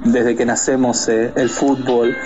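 A man's voice: medium pitch, little pitch movement, a little slow. Man, Argentine accent, interview guest, hesitant, many fillers, muffled sound, faint background music. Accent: Argentine Spanish. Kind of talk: casual interview talk.

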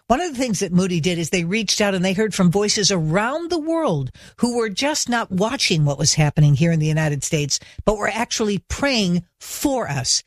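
A man from the Washington DC area giving an earnest radio address on faith, with measured, preacherly emphasis. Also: high-pitched, lively intonation, dry recording, clean studio sound.

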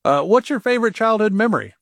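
A man hosting a radio talk show, asking his guest upbeat rapid questions and reading out a phone number. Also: high-pitched, lively intonation, vocal fry, fairly bright tone, no room sound, clean studio sound.

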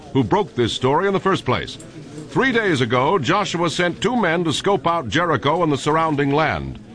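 An actor playing an earnest, dramatic news anchor in a polished mock newscast for a children's radio drama. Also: male voice, fairly high pitch, a bit bright.

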